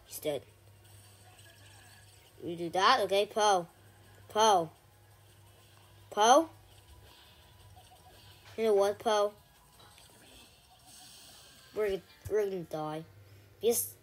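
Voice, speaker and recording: A woman giving casual gameplay commentary, chatty with frequent ums and sudden excited shouts. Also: mid-range voice, takes it slowly, pauses often. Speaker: gaming channel host.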